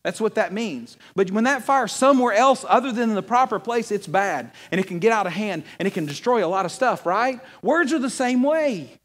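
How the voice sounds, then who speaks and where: A man preaching a sermon, mixing a funny personal story with scripture, animated and laughing at his own punchlines. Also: high-pitched, normal speed, few pauses. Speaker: pastor.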